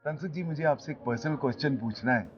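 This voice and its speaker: A man in his sixties, a retired police officer, speaking in a measured, reflective and encouraging way during a casual conversation. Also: medium pitch, dull audio. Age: 60s.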